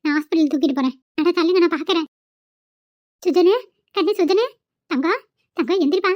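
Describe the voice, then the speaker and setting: A high-voiced, anxious young woman in a cartoon, voiced by a woman, urgent and pleading. The recording is dull and dry. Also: brisk, no echo. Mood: frantic.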